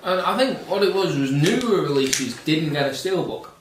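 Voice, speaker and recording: A man's voice: on the high side, lively intonation, moderate pace. A man co-hosting a casual film discussion, opinionated and emphatic, with casual swearing. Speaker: co-host. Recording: roomy echo, distant mic, faint noise.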